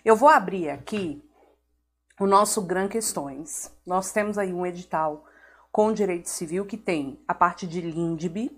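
A woman with a Brazilian Portuguese accent teaching a live online law class, chatty and affectionate, greeting viewers by name. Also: lowish voice.

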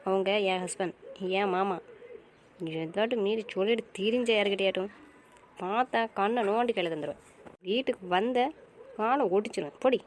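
A woman's voice: medium pitch, a little hiss or hum, natural voice. A woman playing a fierce jealous young wife. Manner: sharp, scolding, threatening. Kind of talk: amateur web drama acting.

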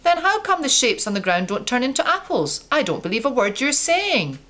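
Storybook: woman voicing a mocking young apple lad, raised pitch, teasing. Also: very animated, normal speed, a bit bright. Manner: mocking, doubtful. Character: cheeky young male apple, a teaser.

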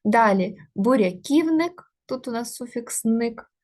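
A woman's voice: fairly high pitch, expressive, measured pace, a little mellow. Woman teacher explaining word structure. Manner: explains step by step, many "e" fillers, corrects herself. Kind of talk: online grammar lesson, working through test answers.

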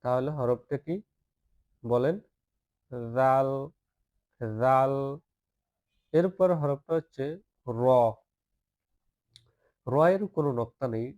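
Male Arabic alphabet teacher, slow repetitive lesson delivery. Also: mid-range voice, mellow, dull audio. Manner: patient, repeats each letter several times, asks listeners to say it along.

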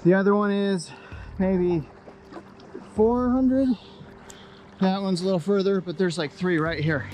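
On an open beach and in a kayak at sea, a man in his forties hosts a fishing vlog, chatting casually to viewers and repeating himself for emphasis. His high, darkish voice is measured with long pauses, and there is slight background noise.

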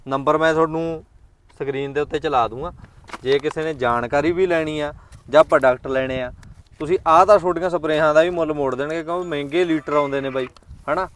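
Quick, chatty Punjabi man hosting. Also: fairly high pitch. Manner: chatty, addresses viewers as friends. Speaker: farming channel host. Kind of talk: casual field interview.

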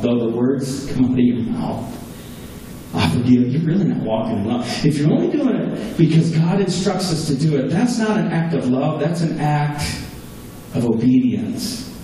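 With lively intonation and a dark, medium-pitched voice, a small-church pastor preaches at a moderate pace, earnestly repeating key phrases for emphasis. A camera far back in the room records him, picking up echo and a faint hum.

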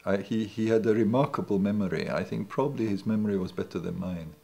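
Seated for an interview in a living room with an off-camera mic, a man in his sixties who isn't a native English speaker reflects on the past. His voice is fairly low, fast, gravelly and warm, and he speaks hesitantly with many restarts.

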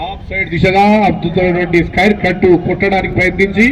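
A man's voice: high voice, level tone, fast, a crowd in the background. A man with a Telangana Telugu accent giving informal live amateur cricket commentary outdoors, chatting directly to the players. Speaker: local cricket match commentator. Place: outdoors at a local cricket ground. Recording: distant outdoor sound from the mic.

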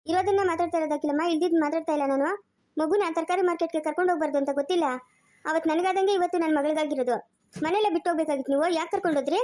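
A woman's voice: extremely high pitch, very fast, warm tone. A woman with a Chikkaballapur Kannada accent playing a furious young mother who sharply accuses and scolds her in-laws in an amateur family drama. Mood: accusing.

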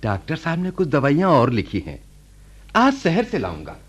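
An actor in a radio play voicing an earnest, caring reformed village laborer. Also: male voice, on the high side, wildly swooping pitch, normal speed, background noise. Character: kind reformed village laborer Sappu, man. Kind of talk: radio drama acting.

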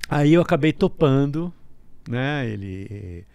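A middle-aged man from Brazil, a guest telling a story in a casual interview, lively, with stammered restarts and bursts of laughter. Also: mid-range voice, slow pace, clear, resonant tone, no echo. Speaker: guest, breathwork teacher.

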